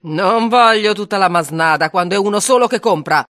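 A man's voice: fairly quick, sharp tone, no room sound, clean studio sound. A man reading an audiobook, voicing a mean old woman shopkeeper who shrieks and scolds. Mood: scolding. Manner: shrill, scolding.

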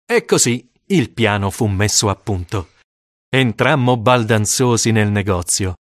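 A man narrating a first-person story for an audiobook, with dramatic, expressive storytelling. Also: lowish voice, measured pace, no room sound, studio quality.

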